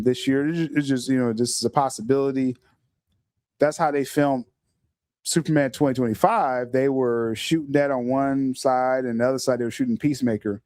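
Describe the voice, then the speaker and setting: Here a middle-aged podcast host runs a casual livestream in a lively manner, laughing a lot and getting tangled in repeated words. His medium-pitched voice comes through clean studio sound without any room tone.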